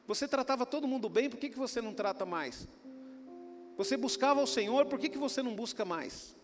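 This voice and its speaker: A Brazilian man preaches with a fairly high voice and jumps from loud rises to quiet drops. His voice rings out in a large church hall over steady music. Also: fairly quick. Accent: Brazilian Portuguese. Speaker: pastor. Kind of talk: sermon. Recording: roomy hall with music behind. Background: music playing.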